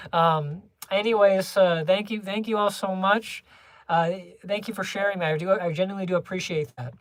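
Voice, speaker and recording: A young adult livestreamer chats casually with viewers in a low-key, homebody way, rambling through many restarts and small laughs. The pace is normal and the recording is dry.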